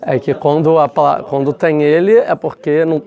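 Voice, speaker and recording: A man's voice: on the high side, steady tone, normal speed, gravelly, narrow, tinny audio. A man teaching a casual religious lesson, talking in a chatty way with frequent rhetorical questions and restarts. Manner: conversational, many fillers and restarts, rhetorical questions.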